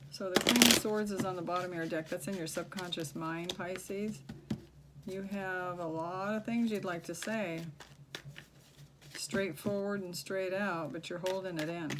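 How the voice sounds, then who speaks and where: A soft-spoken woman giving a tarot reading, talking low and halting with many fillers. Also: background noise. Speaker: tarot reader.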